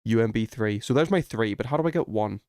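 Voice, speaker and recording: Talking fast with lively intonation, a man in a lowish, darkish voice chats casually as he live streams a video game, informally puzzling things out aloud. The sound is studio quality with no room sound.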